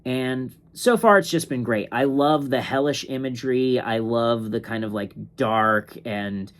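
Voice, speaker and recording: Slow, sleepy young man rambling about comics. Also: mid-range voice, a bit bright. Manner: slow, rambling, filler-heavy. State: sleepy, yawning. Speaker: comics reviewer. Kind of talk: casual ranking monologue.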